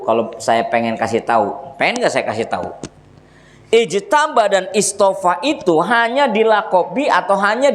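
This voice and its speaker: A man giving a lively religious sermon, telling jokes and stories and speaking directly to the congregation. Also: high voice. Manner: animated storytelling, addresses listeners directly. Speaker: Islamic religious teacher.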